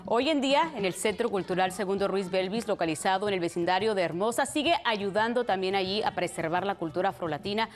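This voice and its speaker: Woman presenting news, medium pitch. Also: quick pace, hardly any pauses.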